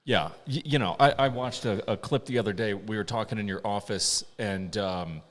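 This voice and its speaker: A man in a casual podcast chat, animated and teasing, often laughing. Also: on the low side, normal speed, big-room sound.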